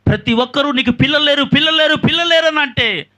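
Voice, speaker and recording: A woman's voice: sits high, fast, sharp tone, pitched above the performer's own voice. A man voicing a wailing childless wife. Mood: anguished. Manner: wailing, pleading. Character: grieving childless wife, pleading and sobbing.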